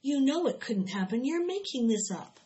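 A worried, stern but gentle farm mother, as a woman reads her aloud. She speaks with patient, motherly chiding and a lively lilt. The recording is dull and lo-fi. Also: high voice, normal speed, pitched above the performer's own voice.

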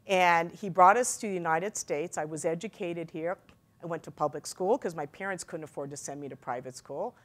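A middle-aged woman giving a keynote talk, telling a personal story and acting out the voices of the people in it. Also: on the low side. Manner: animated storyteller, acts out quoted voices. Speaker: keynote speaker. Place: conference stage.

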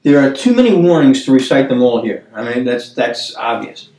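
A man's voice: mid-range voice, very animated, mellow. Older man, roomy and distant. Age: 70s. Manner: earnest, storytelling, halting restarts. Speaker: Bible study host. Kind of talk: casual Bible discussion. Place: dining room table, indoors.

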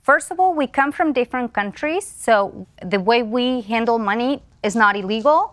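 A woman's voice: a little high, normal speed, fairly bright tone, dry recording, studio quality. A woman from Argentina testifying as plaintiff on a court show, answering defensively and with hesitation. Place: TV courtroom studio.

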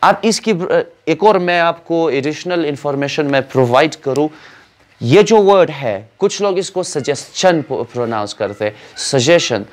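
A man's voice: a little high, animated. A man teaching an English grammar lesson, drawing out his example sentences and checking often that viewers follow. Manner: slow, deliberate, drawn-out English example sentences.

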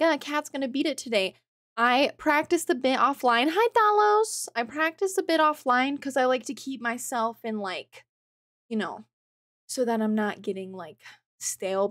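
A woman's voice: a little high, no room sound, clean studio sound. A woman streamer in casual chat with her viewers, rambling and chatty with lots of filler words, laughing often between phrases. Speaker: game streamer.

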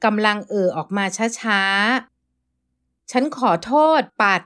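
A woman voicing a remorseful husband who pleads softly and apologetically. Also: medium pitch, steady tone, very slow, clean tone. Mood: remorseful pleading.

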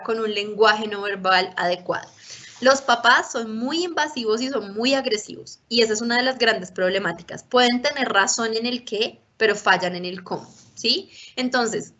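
A woman's voice: on the high side, fairly bright tone, muffled recording. A woman gives an instructive talk at a parenting workshop, often checking in with her listeners. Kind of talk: lecture to parents.

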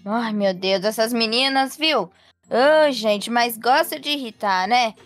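Woman doing a tired mom sighing at her kids, high voice, roblox story, quiet music behind. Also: takes it slowly, dry recording. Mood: exasperated. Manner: exasperated, sighing. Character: weary mother of mischievous twins.

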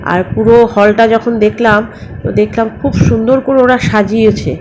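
A middle-aged woman narrates her family vlog in a chatty, meandering style, often restarting with filler words. Her voice is a little high and steady, and she speaks fairly quickly. The home recording is noisy, with vehicle sounds.

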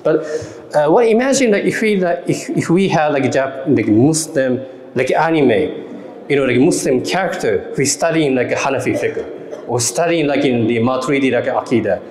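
A man in his thirties from Japan, with a Japanese accent, giving a casual, halting talk to a young audience with many fillers and questions. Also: medium pitch, expressive, a little mellow. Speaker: lecturer and festival speaker. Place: large hall, indoors. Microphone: stand microphone. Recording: roomy hall echo.

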